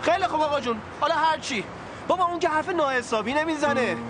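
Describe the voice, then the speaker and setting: A man's voice: very high voice, lively intonation. An actor playing a young man who coaxes and scolds his stubborn friend in a TV drama, with music behind. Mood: exasperated. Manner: coaxing, exasperated, scolding friend. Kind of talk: TV drama acting.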